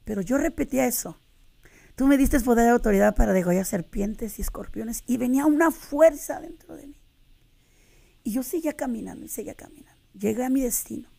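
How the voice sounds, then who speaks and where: A woman's voice: fairly high pitch, fairly quick, creaky, warm tone. A middle-aged woman telling her faith testimony on a radio interview, earnest and addressing listeners as sisters. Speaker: guest giving a testimony.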